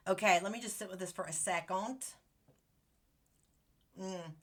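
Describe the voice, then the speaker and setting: A woman's voice: medium pitch, measured pace, background noise. A woman giving a casual tarot reading to her viewers, bubbly and chatty, with affectionate asides and lots of fillers. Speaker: tarot reader.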